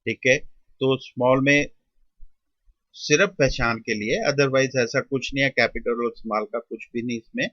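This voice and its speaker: Male tutor, Indian accent, unhurried, bright voice; dry, muffled lo-fi recording. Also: mid-range voice, steady tone, no room sound. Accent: Indian Hindi-English mix. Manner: slow, drawn-out, repeats each sound with pauses. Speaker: shorthand tutor. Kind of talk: step-by-step classroom explanation.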